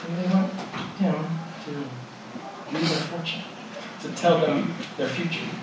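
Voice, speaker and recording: In an echoey hall, picked up by a distant mic over background noise, a man delivers an expository sermon in a conversational style, throwing rhetorical questions at his listeners. He speaks unhurriedly in a slightly high, steady tone.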